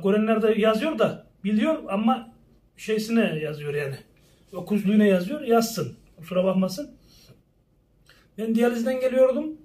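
Angry high-voiced man ranting. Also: a little mellow, distant mic. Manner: heated, repetitive, rhetorical questions. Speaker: social media personality. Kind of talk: angry personal rant to followers.

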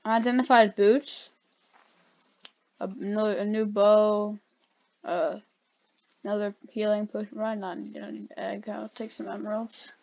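A woman's voice: mid-range voice, little pitch movement, unhurried, vocal fry, long pauses, darkish tone. A woman giving casual gameplay commentary, her speech slightly altered by wearing dental retainers. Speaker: gamer hosting a playthrough. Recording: dull lo-fi mic, keyboard clicks.

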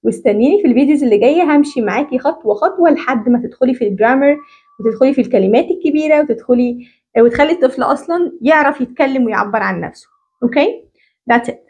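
A high, husky Egyptian woman teaches English with a lively, sing-song delivery. She poses questions and answers them herself. She stretches out English words slowly, saying them again and again for learners. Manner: animated, drawing out English words slowly for repetition. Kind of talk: teacher-training lesson.

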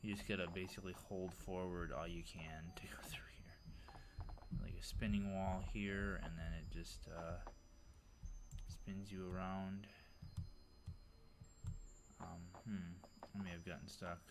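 A man's voice: sits low, flat delivery, slow, background noise. A man giving a casual, rambling tour of a game level, full of fillers and enthusiasm. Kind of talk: casual gameplay commentary.

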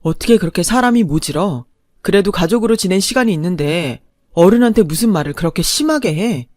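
A woman's voice: medium pitch, darkish tone, dry recording, studio quality, close to an everyday voice. A woman voicing an angry ex-husband who scolds and then begs. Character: angry ex-husband, adult man, blustering then pleading.

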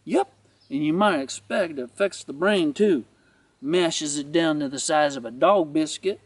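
A man's voice: on the high side, a little slow, no room sound, far from the mic. A man voicing a cocky, wisecracking male ranch dog who taunts with a mocking drawl. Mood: taunting.

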